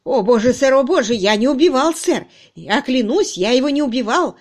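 A woman's voice: fairly high pitch, normal speed, a little mellow, lightly acted. A woman reading an audiobook, voicing a frightened young male constable who begs and pleads. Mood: pleading. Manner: pleading, desperate.

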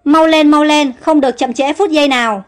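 A furious king in his middle years shouts orders and threats at his guards, read by a woman. The voice sits high, and soft music plays behind the telling. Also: fairly quick, natural voice. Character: angry middle-aged male king, commanding and furious.

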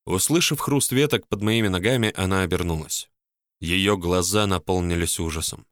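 A man reading a first-person story as an audiobook narrator, calm and steady. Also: low voice, moderate pace, no room sound, studio quality.

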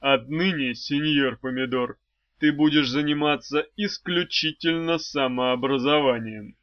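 A man voicing a proud, quick-tempered swordsman of darkness in an audiobook, slow and booming. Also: no echo, dull audio, lightly acted. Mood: lecturing. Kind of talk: audiobook character voice.

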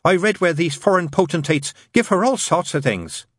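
A man's voice: fairly high pitch, expressive, normal speed, fairly bright tone, breathy edge, no room sound, studio quality, voice pushed up. A man voicing a chatty, flustered, naively cheerful nun and nurse who gushes and witters eagerly, in an audiobook story.

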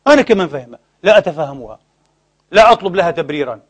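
A man's voice: on the high side, sing-song, racing. A man preaching a sermon, impassioned and indignant, who asks rhetorical questions and lets the congregation finish his sentences. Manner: impassioned, indignant, mixes formal and colloquial speech. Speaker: preacher and lecturer.

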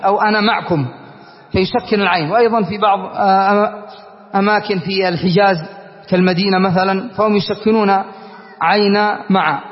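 Yemeni sheikh guy teaching grammar, pretty high voice, patient, keeps asking if it's clear, echoey hall, muffled old recording. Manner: patient, explanatory, often checks if students follow. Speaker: Islamic scholar teaching grammar. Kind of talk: classroom lesson explaining a classical grammar poem. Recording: reverberant hall, dull lo-fi recording.

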